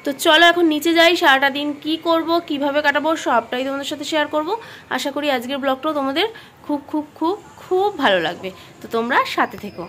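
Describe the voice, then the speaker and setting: A woman's voice: high-pitched, fast, fairly bright tone, a little hiss or hum. A young woman with a West Bengal Bengali accent chats to viewers at home in a casual family vlog, filmed on a handheld phone, and coaxes her child along. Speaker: family vlogger. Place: home, indoors.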